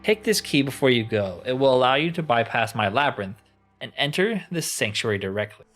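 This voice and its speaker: A man reads video game dialogue aloud in character, voicing a haughty ancient enchanter who lives as a crystal. His mid-pitched voice is pompous and theatrical, swinging up and down in a sing-song, slightly quick way as he sounds annoyed and commanding. Soft music plays in the background.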